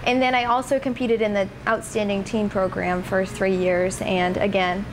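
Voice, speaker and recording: Young female pageant titleholder, poised and explanatory interviewee, average pitch, noisy room. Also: little pitch movement, moderate pace. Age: young adult. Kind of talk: interview answers.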